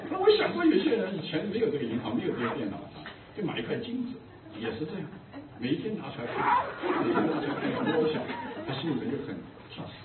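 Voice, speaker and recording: A man's voice: on the high side, wildly swooping pitch, very fast, over a noisy crowd, very noisy. An older man preaching a sermon as a pastor, telling humorous anecdotes. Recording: distant echoey phone-like recording.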